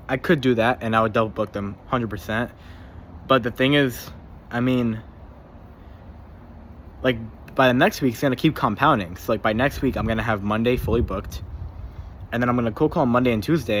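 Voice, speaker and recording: A man's voice: medium pitch, a little hiss or hum. A young man keeping a casual spoken journal, rambling, swearing freely and often repeating himself or tripping over his words.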